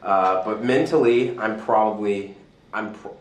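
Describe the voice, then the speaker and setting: A man's voice: lowish voice, unhurried, echoey room. A man in his early twenties hosting a casual podcast chat, rambling and joking and often cutting himself off mid-sentence. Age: 20s. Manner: rambling, self-interrupting, joking. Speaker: podcast host.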